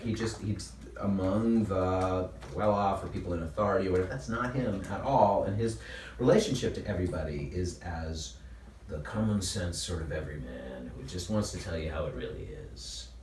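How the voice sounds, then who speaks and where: A man, a stage actor, talking casually about his craft, thinking aloud in an animated way. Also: low voice, moderate pace. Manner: animated, thinking aloud, illustrating with acted-out lines. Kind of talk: casual discussion of acting. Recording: echoey room, distant mic, faint noise.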